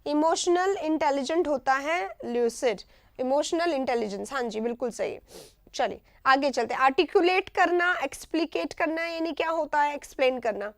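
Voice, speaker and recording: An Indian woman teaching English vocabulary in a live online class, her voice high and bright. She explains each word in short repeated phrases and keeps checking in with "right?". The sound is dry and close, with almost no room around her. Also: lively intonation, normal speed, no room sound.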